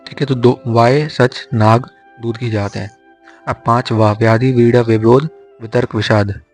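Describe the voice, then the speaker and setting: A young man tutoring for an exam, slowly drilling memory tricks syllable by syllable. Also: mid-range voice, fairly even intonation. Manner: slow repetitive drilling of syllables. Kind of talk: explaining Hindi poetics mnemonics. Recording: faint music behind.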